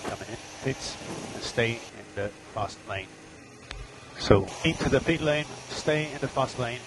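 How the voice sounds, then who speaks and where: A man's voice: mid-range voice, measured pace. Guy doing race spotter radio, short calls n repeats, lots of engine-y noise on the line. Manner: terse instructions with repeated key words. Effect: team radio. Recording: noisy team radio with vehicle noise.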